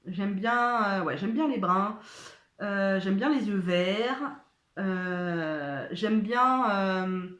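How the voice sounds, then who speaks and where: A woman's voice: medium pitch, fairly bright tone. A woman chatting casually as she answers viewer questions, hesitant, with many fillers and restarts. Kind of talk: casual chat. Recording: echoey room.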